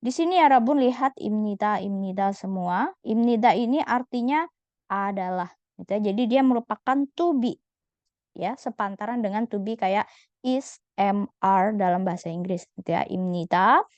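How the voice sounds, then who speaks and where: A woman's voice: medium pitch, normal speed, darkish tone, dry recording, muffled recording. A woman teaching a language lesson in a patient, explanatory way, often checking in with her listeners. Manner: patient, explanatory, frequent "gitu ya" tag.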